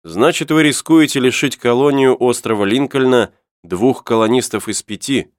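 A man reading the part of a calm engineer who leads the colonists, speaking in a measured, cautioning way. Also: medium pitch, no echo, clean studio sound, natural voice. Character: calm, reasoned male engineer leader.

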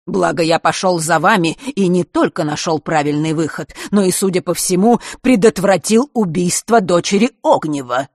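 A woman voicing a stern, sly old male keymaster who speaks slowly and grumbles. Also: fairly low pitch, darkish tone, no echo, clean studio sound.

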